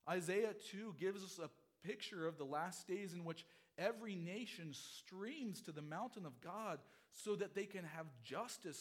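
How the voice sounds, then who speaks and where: A middle-aged pastor preaches a sermon in a high-pitched voice made hoarse by a cold. He is earnest and expository, often repeating phrases.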